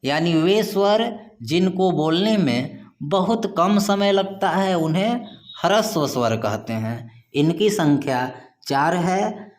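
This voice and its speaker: A man teaching a grammar lesson, explaining slowly and patiently and often reminding students to pay attention. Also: sits high, animated.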